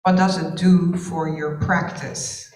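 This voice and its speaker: A woman from Curacao whose first language is Dutch speaks reflectively on a discussion panel, searching for words and restarting sentences. Her voice is on the low side, level and a little mellow, and she takes it slowly; the recording is roomy and distant from the mic.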